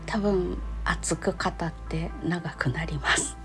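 A woman's voice: lowish voice, takes it slowly, over music. A woman with a cute, anime-like voice talks casually and politely in short phrases, recounting her experience in a personal audio diary.

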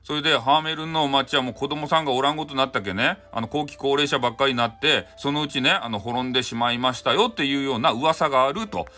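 With a Fukuoka Hakata accent, this male audio-show host chattily retells a folk tale for bedtime, full of folksy asides. His mid-range voice is bright and forceful, and he talks fast with few pauses.

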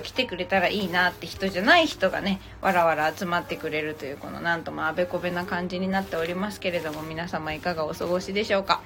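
With a mid-range, fairly bright voice, a woman hosts a laid-back tarot livestream and reads cards. She jokes around with commenters, switching between courteous and teasing casual speech, over background music.

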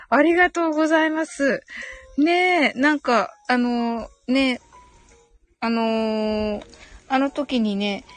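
A woman with a fairly high-pitched voice runs a live audio stream, responding casually and politely to the comments she reads aloud. Agreeing hums and giggles come up again and again.

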